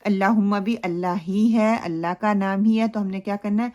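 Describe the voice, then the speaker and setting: A woman teaching Quran recitation. She explains pronunciation slowly and then recites phrases in a drawn-out way. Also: medium pitch, fairly even intonation, a little mellow. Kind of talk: recitation lesson with model recitation.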